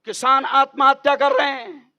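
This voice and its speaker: A man delivering a fiery campaign speech at a political rally, shouting call-and-response lines to the crowd. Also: very high voice, little pitch movement, normal speed.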